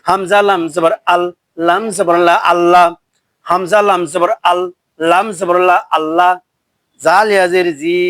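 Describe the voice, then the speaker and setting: A high-pitched man leads a slow, patient recitation lesson, spelling syllables one by one and then chanting each verse in long, stretched tones. Between the chanting he explains briskly and asks learners to repeat after him. The sound is close and dry, with no room echo. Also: fairly bright tone. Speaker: Quran recitation teacher.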